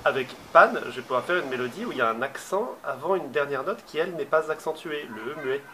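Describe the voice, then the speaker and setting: A man's voice: on the high side, expressive, fast, pushed and bright, slight background noise. A man giving a casual songwriting tutorial, talking hesitantly with many filler sounds.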